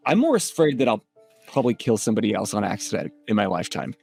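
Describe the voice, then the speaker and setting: A man's voice: on the low side, very animated, quick pace, creaky, darkish tone, husky, soft background music. A man hosting a podcast in casual chat, chatty and upbeat as he hypes up a guest. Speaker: podcast host.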